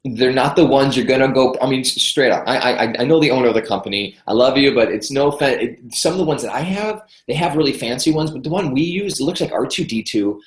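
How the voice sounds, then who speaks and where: In an echoey room, a man with a mid-range voice talks quickly and expressively, hardly pausing. He's congested, from Michigan, and is a guest health expert on a podcast interview, chatty and enthusiastic, often repeating words as he launches into sentences.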